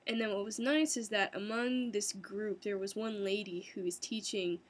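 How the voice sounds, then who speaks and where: A young woman from the United States casually recapping her experiences in a chatty, animated way, laughing often and using many fillers. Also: medium pitch, normal speed. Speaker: vlogger. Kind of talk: casual first-person recap.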